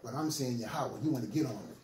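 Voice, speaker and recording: A man's voice: medium pitch, fast, darkish tone, slight background noise. A man leading a casual group discussion, explaining at length and laughing often. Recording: echoey room, mic far off, crowd.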